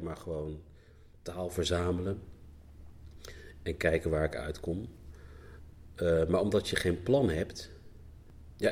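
A man, a poet guest, talking reflectively about his writing in a halting, searching way with many restarts. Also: low-pitched, darkish tone. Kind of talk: reflective conversational interview.

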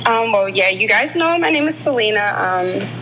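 A woman's voice: mid-range voice, expressive, normal speed, pushed and bright, slight background noise, low-quality recording. A woman in her twenties from Baltimore, a podcast guest talking in a chatty way, full of "um" and "like" fillers. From Baltimore, Maryland. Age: 20s. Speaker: podcast guest, neon light artist. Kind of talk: casual interview chat.

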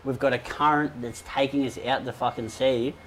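A man's voice: mid-range voice, steady tone, normal speed, a bit bright, a little hiss or hum, low-quality recording. Sweary young Australian man telling a story. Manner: swears a lot, rambling with many fillers. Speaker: guest. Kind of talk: casual storytelling.

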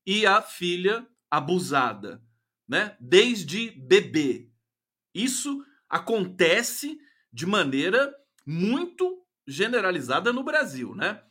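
A man's voice: high voice, sing-song, slow pace, pushed and bright, husky. A man with a Brazilian Portuguese accent hosting a live stream of casual political commentary, sarcastic and profane, often ending phrases with a tag question.

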